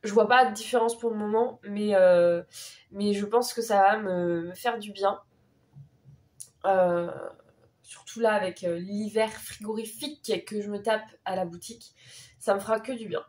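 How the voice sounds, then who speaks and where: A young woman talks to her vlog audience in a casual, chatty way. Her medium-pitched voice is nasal and congested, as with a cold and swollen tonsils. She rambles a little, hesitating and correcting herself as she goes. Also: fairly even intonation, moderate pace, a little mellow. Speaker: vlogger.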